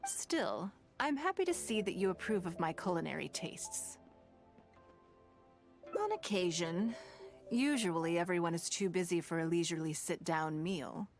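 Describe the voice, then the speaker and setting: In scripted video game dialogue, an actress plays a wealthy woman leader who is poised, commanding, courteous and dryly teasing. She speaks formally, with measured, eloquent phrasing and dry wit, in a lowish voice with lively intonation. The mood is gracious and relaxed, with music under the voice.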